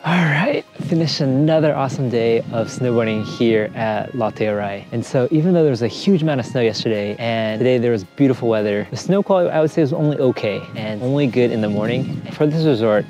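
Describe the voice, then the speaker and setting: A young man's medium-pitched voice comes across expressive and a little mellow, moving fairly quickly with hardly any pauses. He's a travel vlogger narrating casually to an action camera at arm's length, partly on the outdoor slopes of a ski resort and partly in a gondola, with background music.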